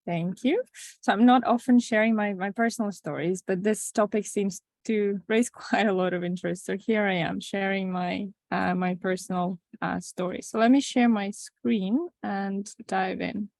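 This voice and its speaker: A woman's voice: mid-range voice, steady tone, moderate pace, creaky, a little mellow, dry recording. A woman in her thirties from Latvia, facilitating an online presentation in a conversational way with frequent restarts, speaking on a video call. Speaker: webinar facilitator.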